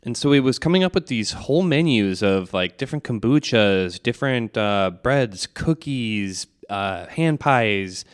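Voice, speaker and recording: Male podcast co-host, smooth resonant voice, rambling, upbeat, casual. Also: medium pitch, expressive, a little slow, hardly any pauses. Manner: rambling, enthusiastic, jokey. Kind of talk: casual chat.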